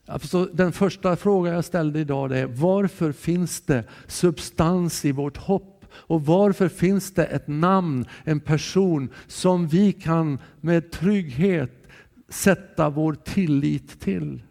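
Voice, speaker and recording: Male preacher, higher-pitched, earnest sermon delivery, long church reverb. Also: vocal fry. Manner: calm, earnest, shifting between soft and raised voice.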